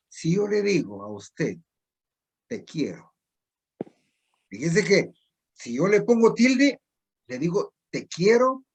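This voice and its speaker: A middle-aged male teacher explaining spelling rules slowly and repetitively, with many pauses. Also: fairly high pitch, breathy edge. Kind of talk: recorded distance-learning spelling lesson.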